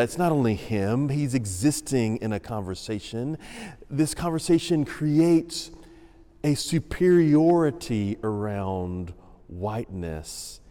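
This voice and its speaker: A male pastor preaches slowly and deliberately, his pitch rising and falling widely for emphasis. His tone is mellow and dark. A long reverb from a church sanctuary trails behind every phrase. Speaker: senior pastor. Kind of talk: sermon. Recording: long reverb of a large room.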